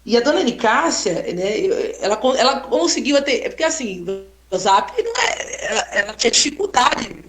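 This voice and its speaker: A woman photographer telling a story in a casual, expressive way, exclaiming often and tagging sentences with "né?". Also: on the high side, moderate pace, hardly any pauses. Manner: expressive, exclaiming, frequent "né?" tags. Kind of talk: casual storytelling on a live stream. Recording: roomy echo.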